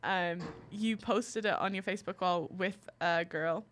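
A woman's voice: fairly low pitch, unhurried, slight background noise. A young woman in her twenties, hosting a casual chat and teasing her guest. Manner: teasing, reads out old posts. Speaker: host.

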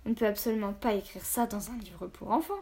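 A woman's voice: medium pitch, fast talker, mellow, close to an everyday voice. An earnest little girl, as a woman reads her, stammering a bit but insisting firmly on what is proper. A storybook figure, fussy and sincere. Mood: insistent.

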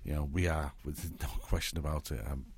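A man hosting a podcast speaks in an extremely deep, husky voice. He reacts to a clip thoughtfully, pausing with fillers. The sound is close and dry. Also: steady tone, darkish tone, no echo. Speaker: podcast host. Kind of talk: casual commentary.

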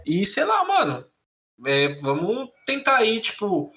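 A man's voice: high-pitched, huge pitch swings, takes it slowly, sharp tone. A young Brazilian man with a Brazilian Portuguese accent, co-hosting a casual chat in a slangy, rambling way. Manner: slangy, rambling, lots of filler. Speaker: podcast co-host.

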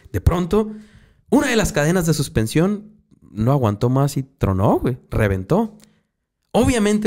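A man's voice: fairly high pitch, a little mellow. A man with a Mexican accent telling a story as a podcast host in casual, slangy talk full of swearing.

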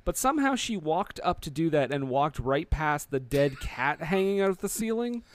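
A podcast host with a fairly high, sing-song, smooth voice casually recaps a movie at a moderate pace. In this relaxed movie-review chat, he jokes around and acts out the characters' lines.

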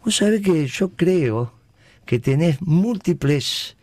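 A man with an Argentine Rioplatense accent hosting a radio talk show, telling stories in a lively, chatty way and often asking "¿viste?". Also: on the high side, slow pace, no echo, studio quality. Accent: Argentine Rioplatense Spanish. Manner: animated storyteller, repeats "¿viste?". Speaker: radio host. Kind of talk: casual radio conversation.

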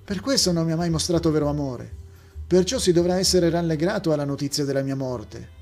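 A man voicing a bitter young woman who feels unloved by her father, in a high, emphatic put-on voice. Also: a little fast, a little mellow, faint music behind, lightly acted. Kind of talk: storybook voice acting.

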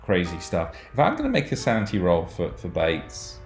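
A man narrating as game master of a tabletop horror game, describing scenes in a halting way with many fillers. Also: sits low, huge pitch swings, faint music behind. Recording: roomy echoey recording.

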